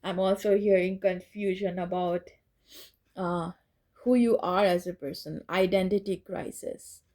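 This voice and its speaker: A woman's voice: lowish voice, fairly even intonation, measured pace, mellow. A woman giving a casual tarot reading, rambling and correcting herself as she goes, and laughing at her own slips. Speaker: tarot reader.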